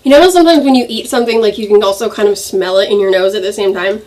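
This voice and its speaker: A woman who is a guest on a casual taste-test vlog, chatting easily and giving quick opinions. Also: mid-range voice, a little mellow.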